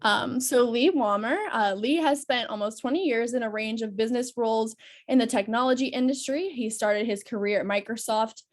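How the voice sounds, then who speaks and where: A young woman with a congested, nasal voice from a cold, moderating a video-call roundtable and reading guest bios with friendly fillers. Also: on the high side. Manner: friendly, reads at a steady pace with fillers.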